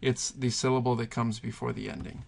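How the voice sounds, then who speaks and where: A man's voice: medium pitch, fairly even intonation, a little fast, creaky, a little mellow. A man teaching Spanish verb conjugations, patiently thinking aloud and pointing things out as he writes. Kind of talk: explaining grammar at a whiteboard.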